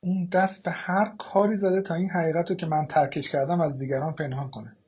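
A man reading an audiobook, voicing a middle-aged mother who is bitter and grieving, in a husky voice. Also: on the high side, steady tone, a little mellow, pitched above the performer's own voice. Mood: upset.

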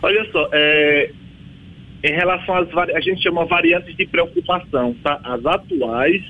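A man from the backlands of Bahia with a Bahian Brazilian accent and a husky voice, explaining as an expert guest in an informal, emphatic way. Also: a little high, normal speed, narrow, tinny audio. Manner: emphatic, colloquial, checks listener understands. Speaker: vaccine researcher, interview guest.

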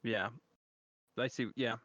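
A man in a casual sports chat speaks haltingly and restarts his phrases as he thinks. His voice comes through muffled and lo-fi, with a dry, close sound and no room echo. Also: mid-range voice, steady tone, a bit bright. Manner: hesitant, stammering restarts. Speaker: podcast co-host. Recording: dry, dull lo-fi audio.

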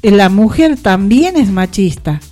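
A woman's voice: mid-range voice, lively intonation, a little slow, warm tone, faint music behind. A woman hosting a radio talk show, giving her opinions in broad, sweeping appeals. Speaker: radio host.

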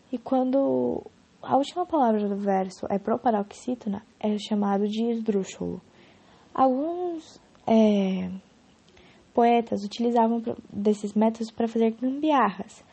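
A woman's voice: on the high side, mellow, husky. A young woman giving an informal spoken lesson on poetry, explaining casually with frequent restarts and fillers.

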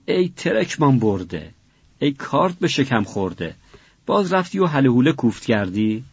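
A man reading a story voices a grieving, stern middle-aged father in a husky, gravelly voice, in a dull, muffled recording. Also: medium pitch, sing-song, no echo. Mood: scolding. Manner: pleading, anguished repeated commands.

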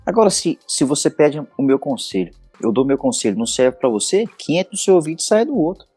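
A man with a Brazilian accent talks casually as a podcast guest, slipping into acted-out scenes while he explains. His voice is slightly husky, with faint music in the background. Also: fairly high pitch, quick pace. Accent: Brazilian Portuguese. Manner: animated storyteller acting out scenes. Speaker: podcast guest, intimate audio creator.

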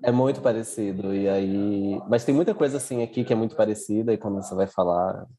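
A man chatting as a podcast guest, his voice dark and mellow. He tells anecdotes at an easy, conversational pace and grows animated when retelling them. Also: fairly low pitch, fairly quick. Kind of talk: casual podcast chat.

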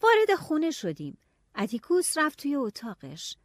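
A woman narrating a novel in the first person, telling it in a lively, expressive way. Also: sits high, no room sound, clean studio sound. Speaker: audiobook narrator.

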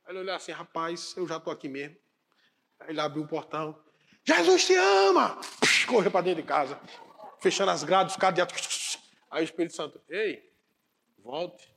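A man preaching a sermon, telling a story and acting out its dialogue in an animated way. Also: a little high, brisk. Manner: animated, acts out dialogue, shouts punchlines.

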